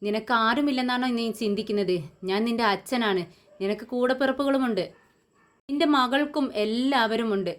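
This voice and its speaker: A woman voicing a hurt elderly father who gently pleads with his estranged daughter. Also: on the high side, normal speed, lightly acted.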